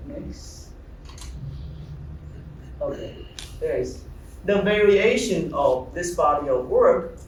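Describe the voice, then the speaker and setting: A middle-aged man from Taiwan, a visual artist, giving a halting talk about his slides, often searching for words. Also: a little high, darkish tone, distant mic. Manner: halting, searching for words, many fillers and restarts. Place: large gallery hall. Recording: echoey hall, speaker off-mic, faint room noise.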